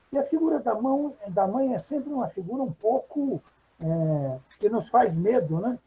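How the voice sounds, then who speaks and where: A man reminisces at a virtual book launch in a very dark, mellow voice with a husky edge. He speaks hesitantly, stopping and restarting as he recalls the past. The sound comes through a video call. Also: high-pitched, poor audio. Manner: hesitant, with many fillers and restarts. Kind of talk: reminiscing testimony.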